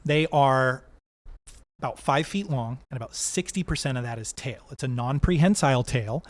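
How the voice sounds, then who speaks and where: A man who works at a zoo, a guest on a casual podcast, eagerly explaining animal facts and quizzing the hosts. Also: medium pitch. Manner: enthusiastic, explanatory, laughs at own jokes.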